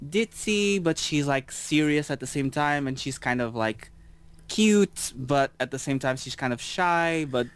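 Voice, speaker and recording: A man on an audio-only podcast gives his take on a TV episode in relaxed, casual chat. His pitch moves around a lot as he talks, and he keeps jumping in with short agreements. He sounds eager to share what he liked. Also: unhurried, smooth. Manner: lively, chiming in with short agreements and opinions. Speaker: podcast guest co-host.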